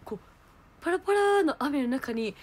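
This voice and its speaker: A young woman, hosting a livestream and telling a story in animated casual chat. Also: high voice, moderate pace. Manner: animated storytelling, laughing, exclaiming. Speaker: idol livestream host.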